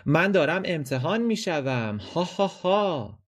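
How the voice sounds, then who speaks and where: A man's voice: mid-range voice, big pitch swings, voice pushed up. A man voicing a flippant, defiant male student in a dramatized play reading. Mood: mocking. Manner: mocking, flippant.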